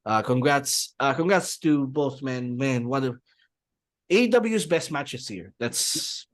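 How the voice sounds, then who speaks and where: A man's voice: mid-range voice, animated, slow. A man chatting on a podcast, rambling with frequent laughs and Tagalog mixed in. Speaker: podcast co-host. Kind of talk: casual podcast chat.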